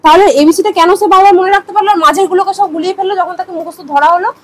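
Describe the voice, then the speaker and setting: A woman's voice: very high voice, fairly even intonation, very fast, rough recording. A young woman in her twenties giving an exam-prep lecture, explaining with everyday examples and rhetorical questions and mixing in English terms. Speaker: teacher.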